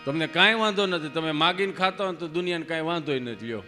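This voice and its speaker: A man's voice: fairly high pitch, fast talker, sharp tone. A man doing live stand-up folk comedy, a chatty storyteller who slips into moral asides. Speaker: stage comedian. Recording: long hall reverb, faint music.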